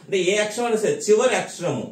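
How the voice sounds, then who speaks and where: Male teacher, high voice, patient repetitive explaining, echoey room, distant mic. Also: sing-song, rapid-fire. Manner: patient, repetitive explaining with frequent check-ins. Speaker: language teacher. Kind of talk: recorded online lesson.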